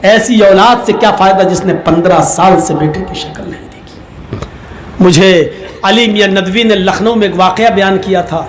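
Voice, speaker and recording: Brief: high-pitched man preaching, lively storyteller who builds to shouts, faint noise behind. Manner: animated storytelling, rising to shouts. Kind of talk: sermon with comic stories.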